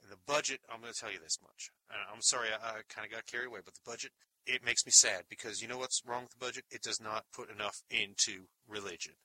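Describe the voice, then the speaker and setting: A man's voice: fairly low pitch, steady tone, quick pace, pushed and bright, dry recording, rough recording. Pushy man with sales patter. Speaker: caller. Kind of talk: comedy radio sketch.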